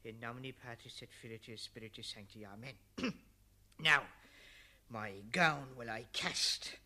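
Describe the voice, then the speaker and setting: A man's voice: mid-range voice, heavily acted. An actor playing Noah, a weary old man and bossy husband, declaiming old verse. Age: older. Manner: declaiming verse, grumbling then shouting. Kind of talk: old-style verse play.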